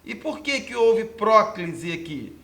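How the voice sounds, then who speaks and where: A man's voice: high voice, sing-song, slow, pushed and bright. A man from Brazil teaching Portuguese grammar, explaining exam answers step by step and pointing at the board, often asking "ok?" to check his students follow. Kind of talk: exam question walkthrough lesson.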